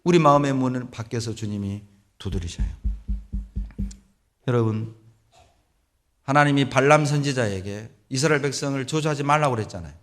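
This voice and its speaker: A middle-aged male pastor preaching a sermon in a church, telling Bible stories with animated delivery. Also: mid-range voice, moderate pace, pauses often. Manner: animated storytelling, acts out biblical voices. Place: church sanctuary.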